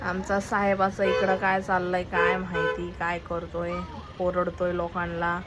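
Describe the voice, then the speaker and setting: A woman's voice: on the low side, completely flat delivery, a little slow, rough recording. A young woman chatting casually in a home vlog, repeating herself and turning aside to talk to her baby. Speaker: family vlogger. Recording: loud background noise.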